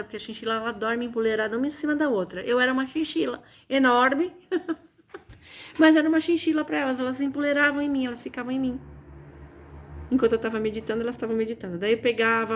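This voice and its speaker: Speaking quickly in a fairly high, fairly even voice, this live-stream host and reiki teacher chats with her audience from home during a casual spiritual stream. She has a Brazilian Portuguese accent and keeps addressing viewers with "gente" and "né."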